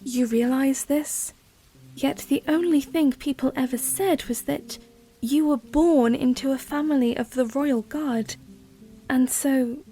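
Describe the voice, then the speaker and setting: Woman playing high-voiced, earnest Princess Zelda. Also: mellow. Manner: formal, careful phrasing with hesitant stammers. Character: earnest young princess, gentle, hesitant and formal. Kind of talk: fantasy audio drama acting.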